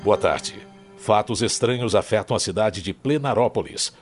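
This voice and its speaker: A man acting as a grave news anchor, reading a formal bulletin in a husky voice. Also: on the low side, moderate pace, faint music behind. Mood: serious.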